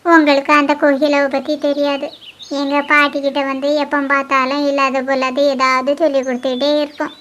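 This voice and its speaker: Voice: high-pitched, completely flat delivery, fairly quick, pushed and bright. Someone voicing a fretful young village girl. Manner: explaining, fretful.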